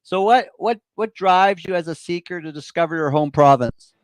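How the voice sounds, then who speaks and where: A man's voice: high-pitched, normal speed, clear, resonant tone, no echo, low-quality recording. A man hosting a casual talk show, encouraging his guest and often repeating short phrases. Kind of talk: casual chat, interviewing.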